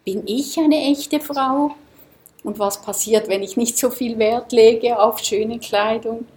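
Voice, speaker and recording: A woman from Switzerland giving a calm, reflective Dharma talk to a group in a seminar room, often asking her listeners questions. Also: fairly high pitch, slow pace. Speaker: meditation teacher.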